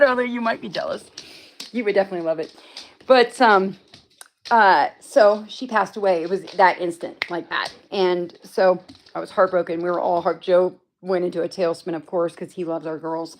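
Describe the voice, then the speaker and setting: A woman hosting a casual livestream from home, rambling through a story and answering viewers' comments as they come in. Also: medium pitch. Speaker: livestream host.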